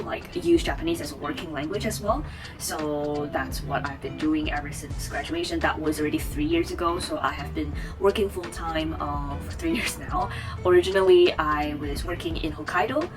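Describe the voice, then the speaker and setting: A Taiwanese woman in her twenties vlogs casually to the camera in a deep voice, rambling with lots of fillers and restarts. The recording quality is rough.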